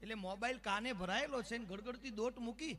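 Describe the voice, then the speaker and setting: A man's voice: very high voice, a little fast. A man telling comic stories live on stage, acting out characters and talking straight to the audience. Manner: lively, acts out quoted characters, talks straight to the crowd. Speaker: folk humorist on stage.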